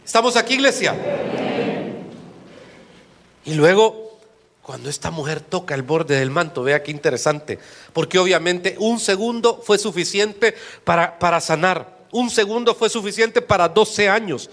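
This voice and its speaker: High-voiced man preaching a sermon. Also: expressive, measured pace, fairly bright tone. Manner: preaching with questions to the congregation. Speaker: pastor. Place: church.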